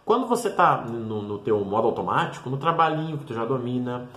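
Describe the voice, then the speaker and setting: Brief: male mentor, mid-pitched, blunt and emphatic, direct motivational monologue, roomy echo. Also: animated, a little fast, a bit bright. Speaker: mentor and vlogger. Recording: roomy echoey room.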